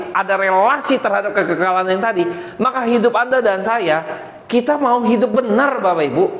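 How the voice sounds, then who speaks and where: A man's voice: high-pitched, a bit bright. A man in his forties giving an emphatic sermon, putting rhetorical questions to the congregation. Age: 40s. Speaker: preacher. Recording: echoey hall, dull muffled sound.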